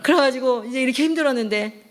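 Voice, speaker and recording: A middle-aged woman, a pastor's wife, preaching a sermon through a lively personal story and acting out the voices she quotes. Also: sits high, fast talker. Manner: lively, acts out quoted voices, laughs often.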